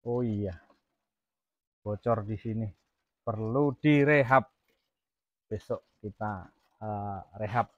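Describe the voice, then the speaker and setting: A man's voice: on the low side, slow pace, pauses often, no echo, dull audio. A man from Jambi, Indonesia, running a casual farm vlog about raising quail, rambling with many fillers and restarts. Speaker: quail farmer vlogger. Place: quail farm, near the cages.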